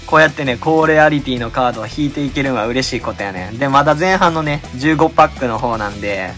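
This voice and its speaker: Chatty Kansai man opening card packs. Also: mid-range voice. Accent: Kansai Japanese. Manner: chatty, reads out each card, bursts into excited cries at good pulls. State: voice slightly out of shape lately. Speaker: channel host. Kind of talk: casual card-pack opening commentary.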